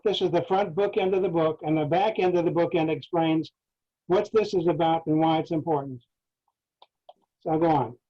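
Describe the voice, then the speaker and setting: Mellow man reading his memoir aloud. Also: on the high side. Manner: measured reading aloud with asides. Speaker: author. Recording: dull lo-fi recording.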